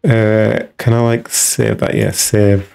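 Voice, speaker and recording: A man's voice: lowish voice, level tone, slow, creaky, darkish tone, smooth, soft background music. A man giving casual, musing commentary while streaming a video game, talking half to himself as he tinkers with settings.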